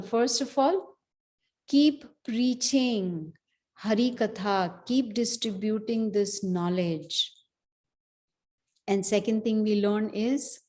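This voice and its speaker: Mellow-voiced woman teaching scripture. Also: on the high side. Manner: conversational storytelling, frequent "you know". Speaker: class speaker. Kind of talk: scripture class.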